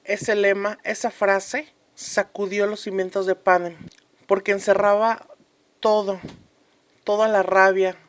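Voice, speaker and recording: An actress gives an earnest, reflective performance as a woman commentator in a scripted radio drama about a fictional republic, thinking back over its history. Solemn and emphatic, she repeats phrases deliberately. Her voice is medium-pitched, level, and natural.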